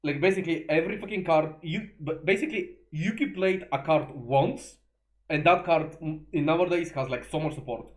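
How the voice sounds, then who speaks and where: A man's voice: fairly high pitch, fairly quick. A man casually chatting through a reaction video, swearing freely and laughing as he goes.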